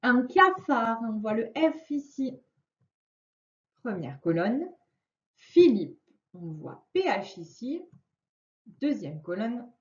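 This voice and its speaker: A woman teacher giving a slow, clearly spoken lesson to children, stretching out each word. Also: fairly high pitch, very animated. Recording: echoey room, dull lo-fi sound.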